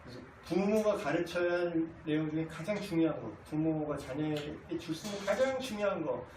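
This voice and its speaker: Man, 30s, blunt joking Bible teacher; high animated delivery, distant roomy mic. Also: a little fast, slight background noise. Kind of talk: casual Bible class lecture. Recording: echoey room, distant mic, faint ambience.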